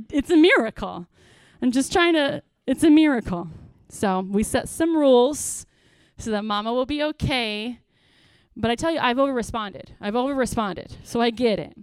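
A middle-aged woman pastor giving an earnest, lively workshop talk to parents, with praise asides and acted-out stories. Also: fairly high pitch, no echo. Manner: lively storytelling, acts out quotes with bursts.

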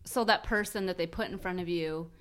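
A woman hosting a podcast, reading out questions and briskly keeping the discussion on time. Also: fairly low pitch, fairly bright tone, clean tone. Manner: brisk, keeps the discussion moving, laughs easily. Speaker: podcast host and moderator.

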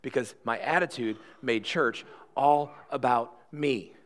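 A pastor in his early forties preaches in an earnest, conversational style, posing rhetorical questions and making self-deprecating asides. He often repeats words and starts sentences over. His voice is medium in pitch, slightly bright and unhurried.

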